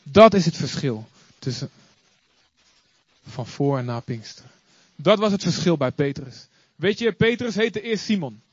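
A high-voiced male pastor preaching an animated sermon and getting the congregation to join in. It is recorded live, with a dry, slightly muffled sound. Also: unhurried, husky, dry recording. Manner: animated, calls on the congregation to join in, acts out stories. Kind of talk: lively sermon. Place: church before a congregation.

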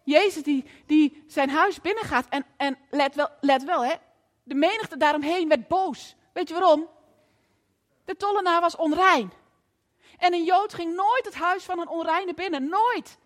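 A woman preacher delivering a lively storytelling sermon in a church, often asking the audience questions. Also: very high voice, a little slow, long reverb tail.

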